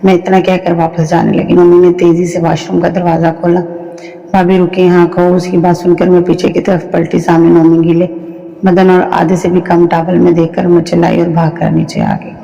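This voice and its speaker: A man's voice: high-pitched, completely flat delivery, normal speed, creaky, warm tone, long reverb tail, dull audio. A man reading out a first-person story, narrating steadily with small slips.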